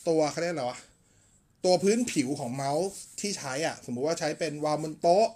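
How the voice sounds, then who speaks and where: A man's voice: fairly high pitch, a little mellow. Chatty young man hosting a tech show. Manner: chatty, jokey, trails off mid-sentence searching for words. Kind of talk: casual live chat answering viewer questions.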